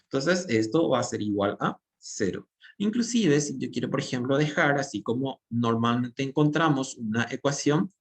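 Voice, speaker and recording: A man's voice: mid-range voice, animated, moderate pace. Man teaching math, thinking aloud step by step. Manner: explains step by step while writing, asks and answers his own questions. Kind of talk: recorded class lecture.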